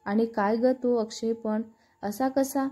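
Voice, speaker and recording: A woman's voice: fairly high pitch, steady tone, unhurried, dark tone. A woman voicing a stern, protective elder sister who scolds and lectures her younger sister. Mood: angry.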